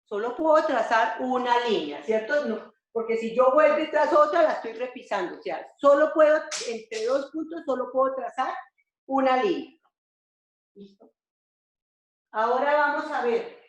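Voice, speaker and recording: A woman teaching a slow, repetitive math lesson to children, often checking that they follow. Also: high-pitched, lively intonation. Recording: echoey dull home recording.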